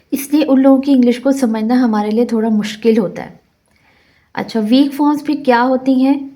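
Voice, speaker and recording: Woman, Pakistani accent, teacher, slow deliberate delivery, mellow tone. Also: medium pitch, rough recording. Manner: reads English phrases slowly, then explains at length. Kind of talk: explaining a textbook English lesson.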